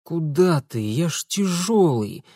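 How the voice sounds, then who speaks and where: A worn-out young man, as a reader puts him on, hoarse and barely able to push the words out. He drags slowly through each phrase in a dry, close storybook reading. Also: a little high, lively intonation, mellow, no echo, voice pushed up, exaggerated voice. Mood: weary. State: hoarse and exhausted.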